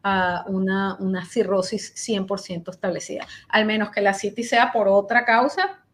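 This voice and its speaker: A woman's voice: medium pitch, steady tone, normal speed, a little hiss or hum. A woman hepatologist answering questions in a webinar, thinking aloud with many fillers and restarts. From Venezuela. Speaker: invited speaker, hepatologist. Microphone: video call.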